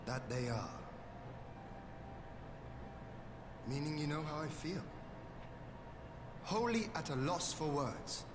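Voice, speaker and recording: An actor playing a noble, earnest young warrior lord in a game cutscene, with formal, archaic, measured phrasing. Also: male voice, a little high, expressive. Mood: glad, warm. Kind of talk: dramatic game cutscene acting. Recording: game audio with clear background noise.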